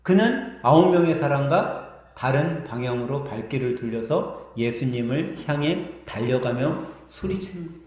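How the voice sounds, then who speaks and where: Storytelling pastor in an echoey church. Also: male voice, medium pitch, expressive, moderate pace, darkish tone. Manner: vivid storyteller, varied pace. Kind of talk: sermon with acted storytelling. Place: church sanctuary.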